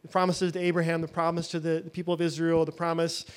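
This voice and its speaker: High-voiced man teaching informally. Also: monotone, fast talker, clean tone. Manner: loose, conversational, thinks aloud mid-sentence. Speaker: bible teacher.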